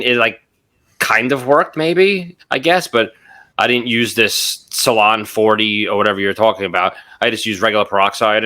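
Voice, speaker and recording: A man's voice: lowish voice, pushed and bright. A man co-hosting a toy podcast over a video call, giving loose, opinionated takes. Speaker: podcast co-host. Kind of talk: casual chat.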